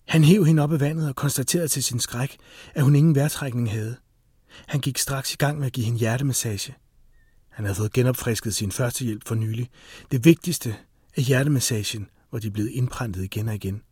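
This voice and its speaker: A man reading a thriller audiobook as narrator, in steady, tense scripted narration. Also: mid-range voice, husky, no room sound, clean studio sound.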